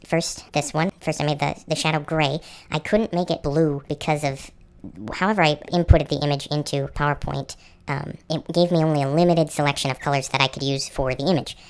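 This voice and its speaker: Man with a pitched-up chipmunk voice. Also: steady tone, brisk, clean tone. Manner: conversational, explanatory. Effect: pitched-up chipmunk, helium-like voice. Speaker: channel host presenter. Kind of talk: casual explanatory slideshow narration.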